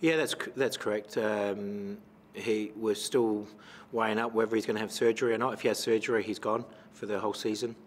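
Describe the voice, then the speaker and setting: A middle-aged Australian football coach answers questions at a post-match press conference, speaking into a table microphone in a room with a sponsor backdrop. He's measured, with many fillers and restarts. His voice is fairly low and fairly even, with slight background noise.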